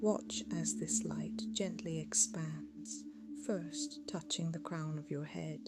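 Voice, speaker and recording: In a lowish, strongly creaky voice with a steady tone, a woman leads a guided meditation, her measured, soothing, hypnotic delivery softening to a hush at the ends of phrases. Music is clearly audible behind her.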